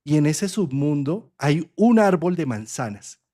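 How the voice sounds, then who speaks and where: A middle-aged astrology and psychology teacher leads a master class, telling a fairy tale in an animated, unhurried way with a voice that sits a little high. He keeps checking in with his listeners through tag questions.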